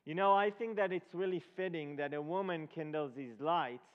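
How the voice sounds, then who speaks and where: On the high side, an Israeli man leads a Passover presentation as guest preacher, giving ceremonial teaching to a congregation. His delivery halts and he poses questions to check his listeners; the setting is a big echoing room with an audience, heard through a dull lo-fi recording.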